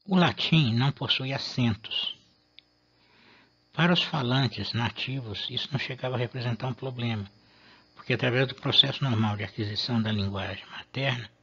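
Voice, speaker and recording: A man, explaining a lesson in a measured way and pausing to rephrase himself. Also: medium pitch, fairly bright tone, breathy edge, dull audio. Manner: measured, with restarts and fillers. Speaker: Latin teacher.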